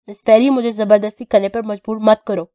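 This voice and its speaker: A woman reading an audio novel, voicing a cruel young male crime boss who is stern and commanding, in a clipped, forceful way. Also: mid-range voice, steady tone, no room sound, highs cut off, natural voice. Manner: stern, clipped, louder than the narration.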